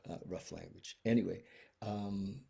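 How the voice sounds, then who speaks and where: A man hosting a recovery video from home, talking casually and gently, with many restarts, and apologetic. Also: deep voice, steady tone, measured pace, gravelly, breathy edge. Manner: rambling, many restarts and fillers. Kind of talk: casual heartfelt talk. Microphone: webcam video stream.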